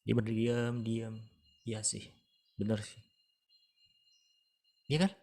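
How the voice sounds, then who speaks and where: A man with a low, gravelly voice teaches an online discipleship group. He talks casually but with emphasis and keeps asking his listeners rhetorical questions. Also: fairly even intonation, takes it slowly, darkish tone.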